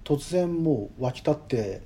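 A man talking as a guest musician in an interview, thoughtful and measured, with frequent hedging fillers. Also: a little high, expressive, gravelly, mellow. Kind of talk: reflective conversational interview.

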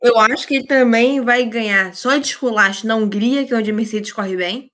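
Brazilian woman, fairly high voice. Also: brisk, fairly bright tone. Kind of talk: casual sports podcast chat.

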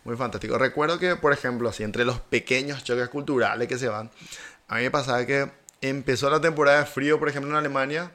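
A man, a language teacher, telling lively anecdotes in a casual podcast conversation and laughing often. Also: medium pitch, fast. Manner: animated storyteller, laughs often. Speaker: guest, German teacher.

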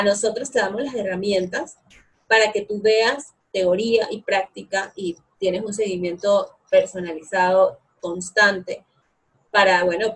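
A young woman, chatting casually as an interview guest about learning English, with lots of fillers. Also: mid-range voice. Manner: chatty, animated, many fillers. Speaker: guest, English course co-founder.

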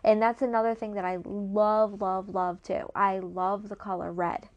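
A woman's voice: medium pitch, level tone, a little slow, darkish tone, highs cut off. A woman co-hosting a casual movie podcast, enthusiastically sharing trivia and teasing her co-host. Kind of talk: casual movie review chat.

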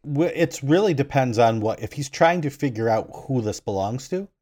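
A man's voice: medium pitch, lively intonation, normal speed, darkish tone. A man casually explaining tabletop game rules, thinking aloud with hesitant starts.

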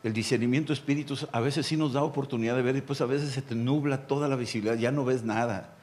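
A male pastor preaches a sermon straight to the listener, acting out the voices of Bible figures. His voice is medium in pitch, steady in tone, a little mellow, and fast.

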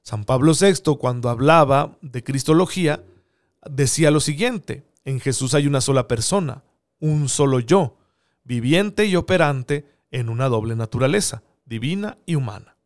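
A man's voice: mid-range voice, lively intonation, normal speed. A man giving an earnest theological teaching talk, often asking rhetorical questions. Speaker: preacher.

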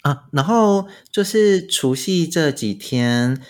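A man's voice: a little high, lively intonation, takes it slowly. A man with a Taiwanese Mandarin accent chatting casually as a guest, recounting his travels. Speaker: podcast guest recounting a trip. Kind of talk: casual chat.

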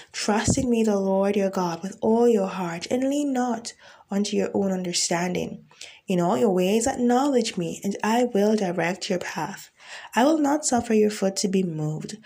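A woman minister delivering a prayer and prophetic message, speaking slowly and deliberately and quoting scripture often. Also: mid-range voice, gravelly, mellow. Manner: slow, deliberate declaring, with frequent scripture quotes.

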